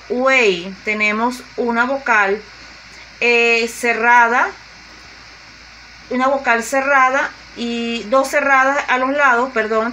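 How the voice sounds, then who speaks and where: A woman teacher, explaining grammar to young pupils slowly and deliberately, repeating her examples. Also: fairly high pitch, sharp tone, a little hiss or hum, low-quality recording. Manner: slow and deliberate, repeating and spelling out examples with fillers. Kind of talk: slow grade-school grammar lesson.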